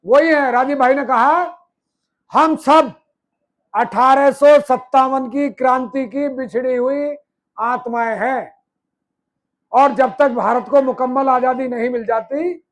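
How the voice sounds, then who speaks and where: A man giving a political speech to an audience, firing rhetorical questions and answering them himself, piling up repeated phrases. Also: extremely high pitch. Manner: emphatic, repeats phrases in lists. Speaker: movement speaker.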